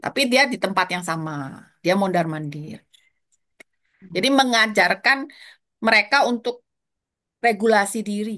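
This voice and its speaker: An older woman with a Jakarta colloquial accent, telling lively stories as she gives parenting advice. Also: medium pitch, normal speed, pauses often. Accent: Jakarta colloquial Indonesian. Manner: lively storytelling with quoted asides. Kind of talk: casual advice chat.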